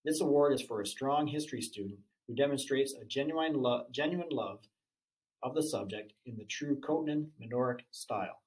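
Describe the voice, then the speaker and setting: A man's voice: mid-range voice, moderate pace, low-quality recording. A man formally reading out a list of school awards and their criteria. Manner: formal, even reading with small stumbles. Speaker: awards presenter.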